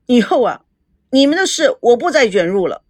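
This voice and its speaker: A woman's voice: on the high side, very animated, moderate pace, a little mellow, no echo, pitched above the performer's own voice. A sly young woman who sounds aggrieved and wheedling, her voice rising and falling widely, as a woman storyteller puts her on. The voice is dry and close. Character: sly young woman, plays the wounded friend.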